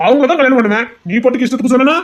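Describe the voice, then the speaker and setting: Teasing young male lover, voiced by a woman, playful and melodramatic, high-pitched. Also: very fast. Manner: playful teasing, theatrical wailing when hurt. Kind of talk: amateur audio drama.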